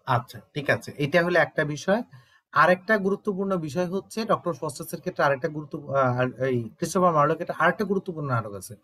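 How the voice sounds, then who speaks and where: A man's voice: fairly high pitch, fast, a bit bright. A Bangladeshi man teaching an online exam-prep lesson, explaining step by step and often checking that students understand. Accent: Bangladeshi Bengali.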